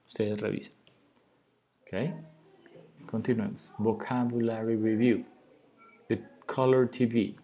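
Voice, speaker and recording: A man teaching a beginner English lesson, explaining in Spanish and slowly modelling English words for learners to repeat. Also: fairly low pitch, little pitch movement, warm tone, soft background music. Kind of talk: recorded grammar lesson.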